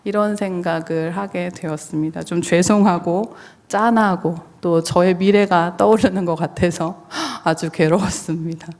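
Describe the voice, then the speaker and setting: Speaking at normal speed with hardly any pauses, a woman pastor preaches in a church sanctuary, explaining and asking her listeners direct questions. Her low, slightly mellow voice has fairly even intonation and sounds somewhat strained, limited to a low register as she recovers. Long reverberation fills the recording.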